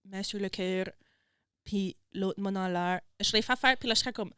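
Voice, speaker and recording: Bright Acadian woman, animated podcast guest. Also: mid-range voice, normal speed, clean tone, dry recording, clean studio sound. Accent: Acadian French, Baie Sainte-Marie. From southwest Nova Scotia, Canada. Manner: animated, mixes English into French, swears freely. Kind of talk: casual chat.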